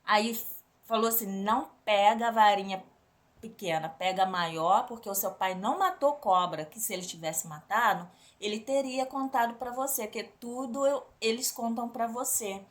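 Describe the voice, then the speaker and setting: Speaking at normal speed in a voice on the high side, this woman shares her religious testimony before a congregation. She has a Brazilian Portuguese accent and keeps turning to her listeners as brothers and sisters.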